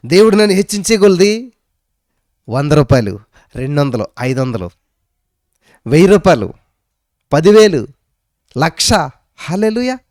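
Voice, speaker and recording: A man's voice: sing-song, normal speed, pauses often, dry recording, clean studio sound. Fervent male preacher. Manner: preaching with sudden rises and drops in pitch and loudness; mixes in English phrases. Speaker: pastor. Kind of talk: sermon.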